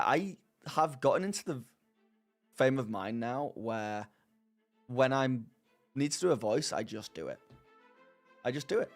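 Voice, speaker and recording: Answering viewers in a casual live-stream chat, this medium-pitched male streamer rambles along, self-deprecating and quick to laugh.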